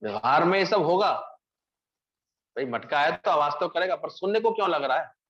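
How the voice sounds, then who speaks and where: Here a storytelling satsang preacher, a spiritual teacher, speaks Hindi at a moderate pace with a fairly high, slightly bright voice and lively intonation. He asks his own questions and answers them, though the lo-fi recording makes him sound dull.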